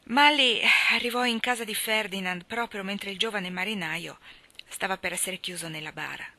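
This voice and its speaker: A woman reads a literary novel aloud in a bright, clear voice of middle pitch. She paces the narration in a measured, expressive way and sinks almost to a whisper at the hushed moments. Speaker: reader. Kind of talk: literary audiobook reading.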